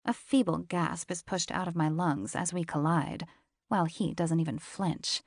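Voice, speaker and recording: Gravelly-voiced woman narrating a romance. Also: on the low side, fairly even intonation, moderate pace, dry recording, studio quality. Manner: intimate, confessional. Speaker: audiobook narrator. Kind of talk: scripted first-person romance narration.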